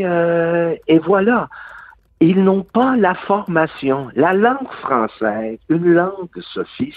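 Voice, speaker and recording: A man's voice: medium pitch, gravelly, dry recording. An older man with a Québécois accent, a guest actor explaining at length, emphatic and long-winded in a radio interview. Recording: dry phone-like radio sound.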